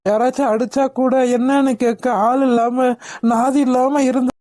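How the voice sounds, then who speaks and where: A woman voicing a tender, grateful young husband in a cartoon, soft and heartfelt, gently teasing. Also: sits high, level tone, moderate pace, no room sound, close to an everyday voice. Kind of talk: cartoon voice acting.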